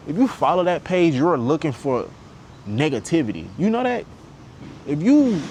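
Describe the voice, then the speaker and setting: A man in his twenties ranting candidly in a vlog, heated and repetitive, swearing bluntly, with a faint vehicle rumble behind him. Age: 20s. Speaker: vlogger.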